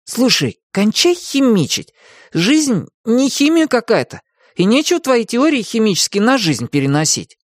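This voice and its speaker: A man's voice: very high voice, big pitch swings, moderate pace, no room sound, clean studio sound, pitched above the performer's own voice, exaggerated voice. Man doing a cheeky teasing boy. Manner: teasing, blurting. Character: cheeky boy Tim, quick-tongued.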